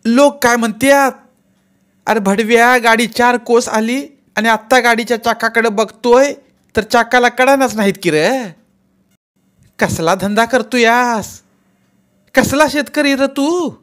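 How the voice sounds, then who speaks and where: A man voicing a foul-mouthed older village woman who scolds loudly in a shrill voice. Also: a little slow. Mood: furious scolding. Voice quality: shrill, abusive.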